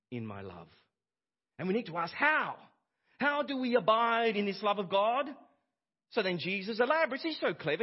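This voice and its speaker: A pastor preaching a sermon, stressing key lines with rhetorical questions and repeating them for emphasis. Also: male voice, sits high, breathy edge. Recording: muffled lo-fi church sermon audio.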